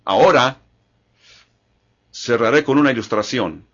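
A man's voice: medium pitch, a little slow, fairly bright tone, highs cut off. An older man preaching a sermon in Spanish-language church style, earnest and repetitive, often restarting his phrases.

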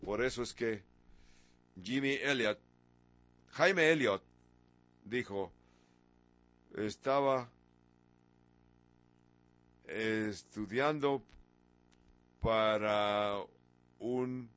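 A man's voice: fairly low pitch, drawn-out words, pauses often, fairly bright tone. Sixty-year-old man preaching with rhetorical questions. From from abroad, a country once ruled by an emperor. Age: 60s. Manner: rhetorical questions, emphatic with sudden rises. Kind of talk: sermon.

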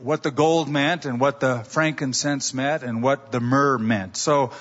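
A pastor delivering a sermon at a pulpit microphone, telling stories in a conversational way and asking rhetorical questions. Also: male voice, medium pitch, fairly even intonation, measured pace, fairly bright tone, big-room sound, highs cut off.

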